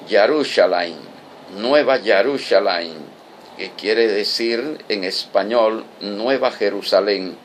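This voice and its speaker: Male preacher, very slow, deliberate teaching pace, faint hum behind. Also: on the low side. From Venezuela. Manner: slow, deliberate, repeats phrases for emphasis. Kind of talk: recorded Bible study teaching.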